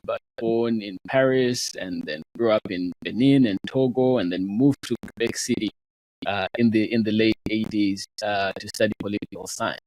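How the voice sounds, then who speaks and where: Guy hosting a podcast, kinda low voice, stop-start chatty delivery, very dry sound. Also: a little mellow, dry recording, rough recording. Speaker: podcast host.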